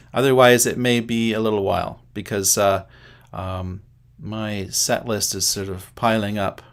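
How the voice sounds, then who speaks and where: A middle-aged Canadian man with a fairly low, fairly bright voice hosts a casual livestream. He chats with viewers by name and thinks aloud while setting things up.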